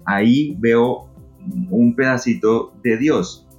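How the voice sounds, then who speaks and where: A man's voice: medium pitch, takes it slowly, darkish tone. A man speaking as an interview guest, talking earnestly and emotionally about faith and prayer, often repeating words for emphasis. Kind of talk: reflective talk on faith and prayer. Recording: muffled recording with faint music. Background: faint music.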